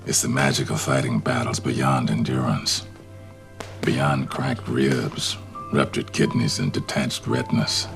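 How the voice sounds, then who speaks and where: A man's voice: rumbling low, unhurried, vocal fry, fairly bright tone, heavily acted. A man playing a weathered film narrator, grave and reflective. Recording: music behind.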